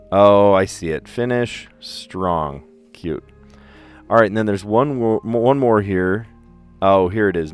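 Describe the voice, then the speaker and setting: A low-pitched man from the US East Coast with a general American accent hosts a puzzle livestream, chatting casually and thinking aloud with careful diction.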